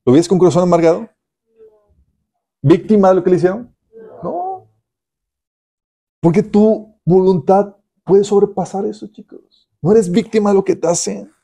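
Guy preaching to the youth group, lively, warm mellow voice, keeps asking questions. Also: high voice, moderate pace, vocal fry, long pauses. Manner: animated, addresses listeners directly with rhetorical questions. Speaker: youth pastor. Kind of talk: sermon.

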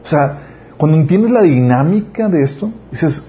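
A man preaches an earnest sermon on parenting, filled with rhetorical questions. His voice is a little high with lively intonation at a moderate pace, captured on a slightly dull lo-fi recording with faint noise.

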